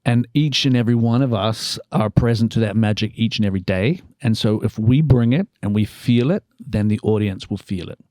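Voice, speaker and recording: Earnest New man, low voice. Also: fairly quick, few pauses, darkish tone, no echo, studio quality. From New Zealand. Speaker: group leader, singer. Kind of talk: casual interview chat. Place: theatre venue.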